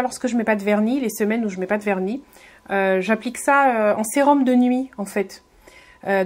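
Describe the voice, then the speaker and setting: A woman giving a casual beauty tutorial voice-over, friendly and hesitant, with many fillers and restarts. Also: on the high side. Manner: friendly, addresses viewers directly. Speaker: beauty vlogger.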